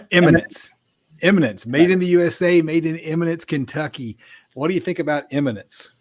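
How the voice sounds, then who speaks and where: A man's voice: fairly high pitch, normal speed, a little mellow. A middle-aged man co-hosting over a video call, talking in an easygoing, chatty way with some stumbling restarts. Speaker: co-host. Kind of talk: casual chat about audio gear.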